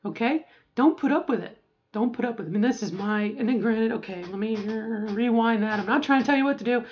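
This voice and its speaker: A woman's voice: on the high side, fairly quick, highs cut off. A woman in her forties talking casually to camera, rambling and correcting herself as she gives advice. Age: 40s. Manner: rambling, self-correcting, chatty. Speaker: vlogger.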